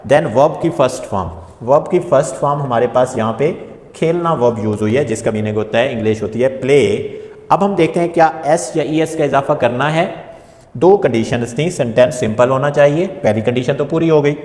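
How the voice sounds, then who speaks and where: A man teaches beginner English grammar, pausing to spell out letters and stress each rule. His mid-pitched voice rings in a roomy space with a long, hanging reverb. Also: darkish tone. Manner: slow, deliberate spelling-out of letters and rules. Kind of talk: spoken English grammar lesson. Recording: echoey room with long reverb.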